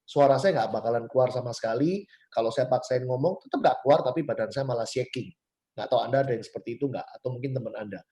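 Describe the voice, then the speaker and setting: Man, 40s, from Surabaya, personal story talk, chatty and emphatic, speaks to viewers directly, warm dark tone. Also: mid-range voice. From Surabaya, Indonesia. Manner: emphatic, addresses listeners directly, sharp rises on key words; self-described fast, chatty talker. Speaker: motivational speaker.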